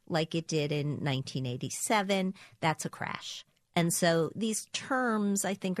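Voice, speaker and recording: A woman co-hosting a personal finance show, explaining market terms in a steady, clear conversational way. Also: fairly low pitch, no room sound, clean studio sound. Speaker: podcast co-host, personal finance expert.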